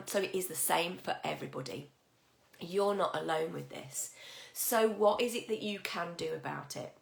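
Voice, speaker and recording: A woman leads a live coaching session in a husky, croaky voice with a gravelly edge. She chats encouragingly and greets viewers by name, her voice ringing a little in an echoey room. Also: on the low side, unhurried, pushed and bright. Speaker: mindset coach. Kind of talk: live-stream coaching talk.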